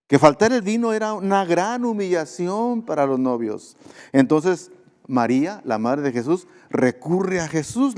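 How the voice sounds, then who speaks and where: A man's voice: a little high, a little mellow. A man pastor with a Mexican Spanish accent, preaching a sermon in an earnest, conversational way with emphatic repetition. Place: church sanctuary. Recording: long church hall reverb.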